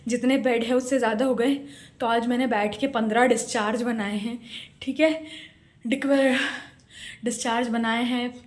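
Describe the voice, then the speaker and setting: Chatty young woman vlogging her day. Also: a little high. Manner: chatty, mixes English phrases into Hindi, often tags "theek hai". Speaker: doctor vlogger. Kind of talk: casual daily vlog. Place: home and on the go.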